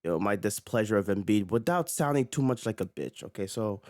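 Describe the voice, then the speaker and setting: A man's voice: on the low side, lively intonation, a little fast, no room sound, studio quality. Exasperated young man ranting about sports. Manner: exasperated, swings between shouting and hushed mutters. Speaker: sports commentator. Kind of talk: heated sports rant. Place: home at night.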